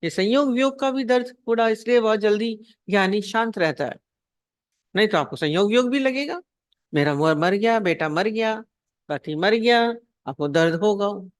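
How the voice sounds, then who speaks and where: A woman spiritual teacher gives a devotional discourse in a mid-range voice, neither high nor low. She keeps asking rhetorical questions and repeating her points, and she acts out little anecdotes as she goes. The sound is dry and close, with no room echo. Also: animated, moderate pace.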